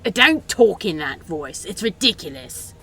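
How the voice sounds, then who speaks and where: A woman's voice: lowish voice, big pitch swings, measured pace, fairly bright tone. A woman voicing a sardonic, bossy male demon in a fan audio drama, talking in a dry, exasperated, scolding way.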